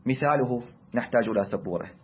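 A man with an Iraqi accent teaching a class, speaking deliberately and asking and answering his own questions. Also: mid-range voice, expressive, slightly rough, muffled recording. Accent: Iraqi Arabic. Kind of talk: classroom lecture.

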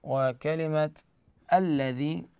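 A man's voice: fairly high pitch, fairly even intonation, takes it slowly, a little mellow, clear, resonant tone, no echo. A man with an Iraqi Arabic accent, teaching Quran recitation rules step by step and answering his own questions. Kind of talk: explanatory lesson.

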